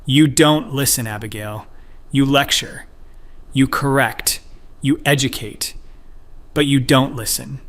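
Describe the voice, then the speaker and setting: A man's voice: medium pitch, fairly even intonation, takes it slowly, pauses often, fairly bright tone. A man voicing a hurt, angry middle-aged husband who speaks in a raised, reproachful voice.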